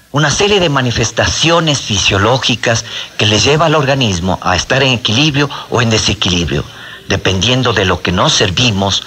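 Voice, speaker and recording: A man's voice: on the low side, sharp tone, husky. A man explains medical ideas to a host, often repeating small words as he searches for the next one. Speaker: acupuncture and medicine guest expert.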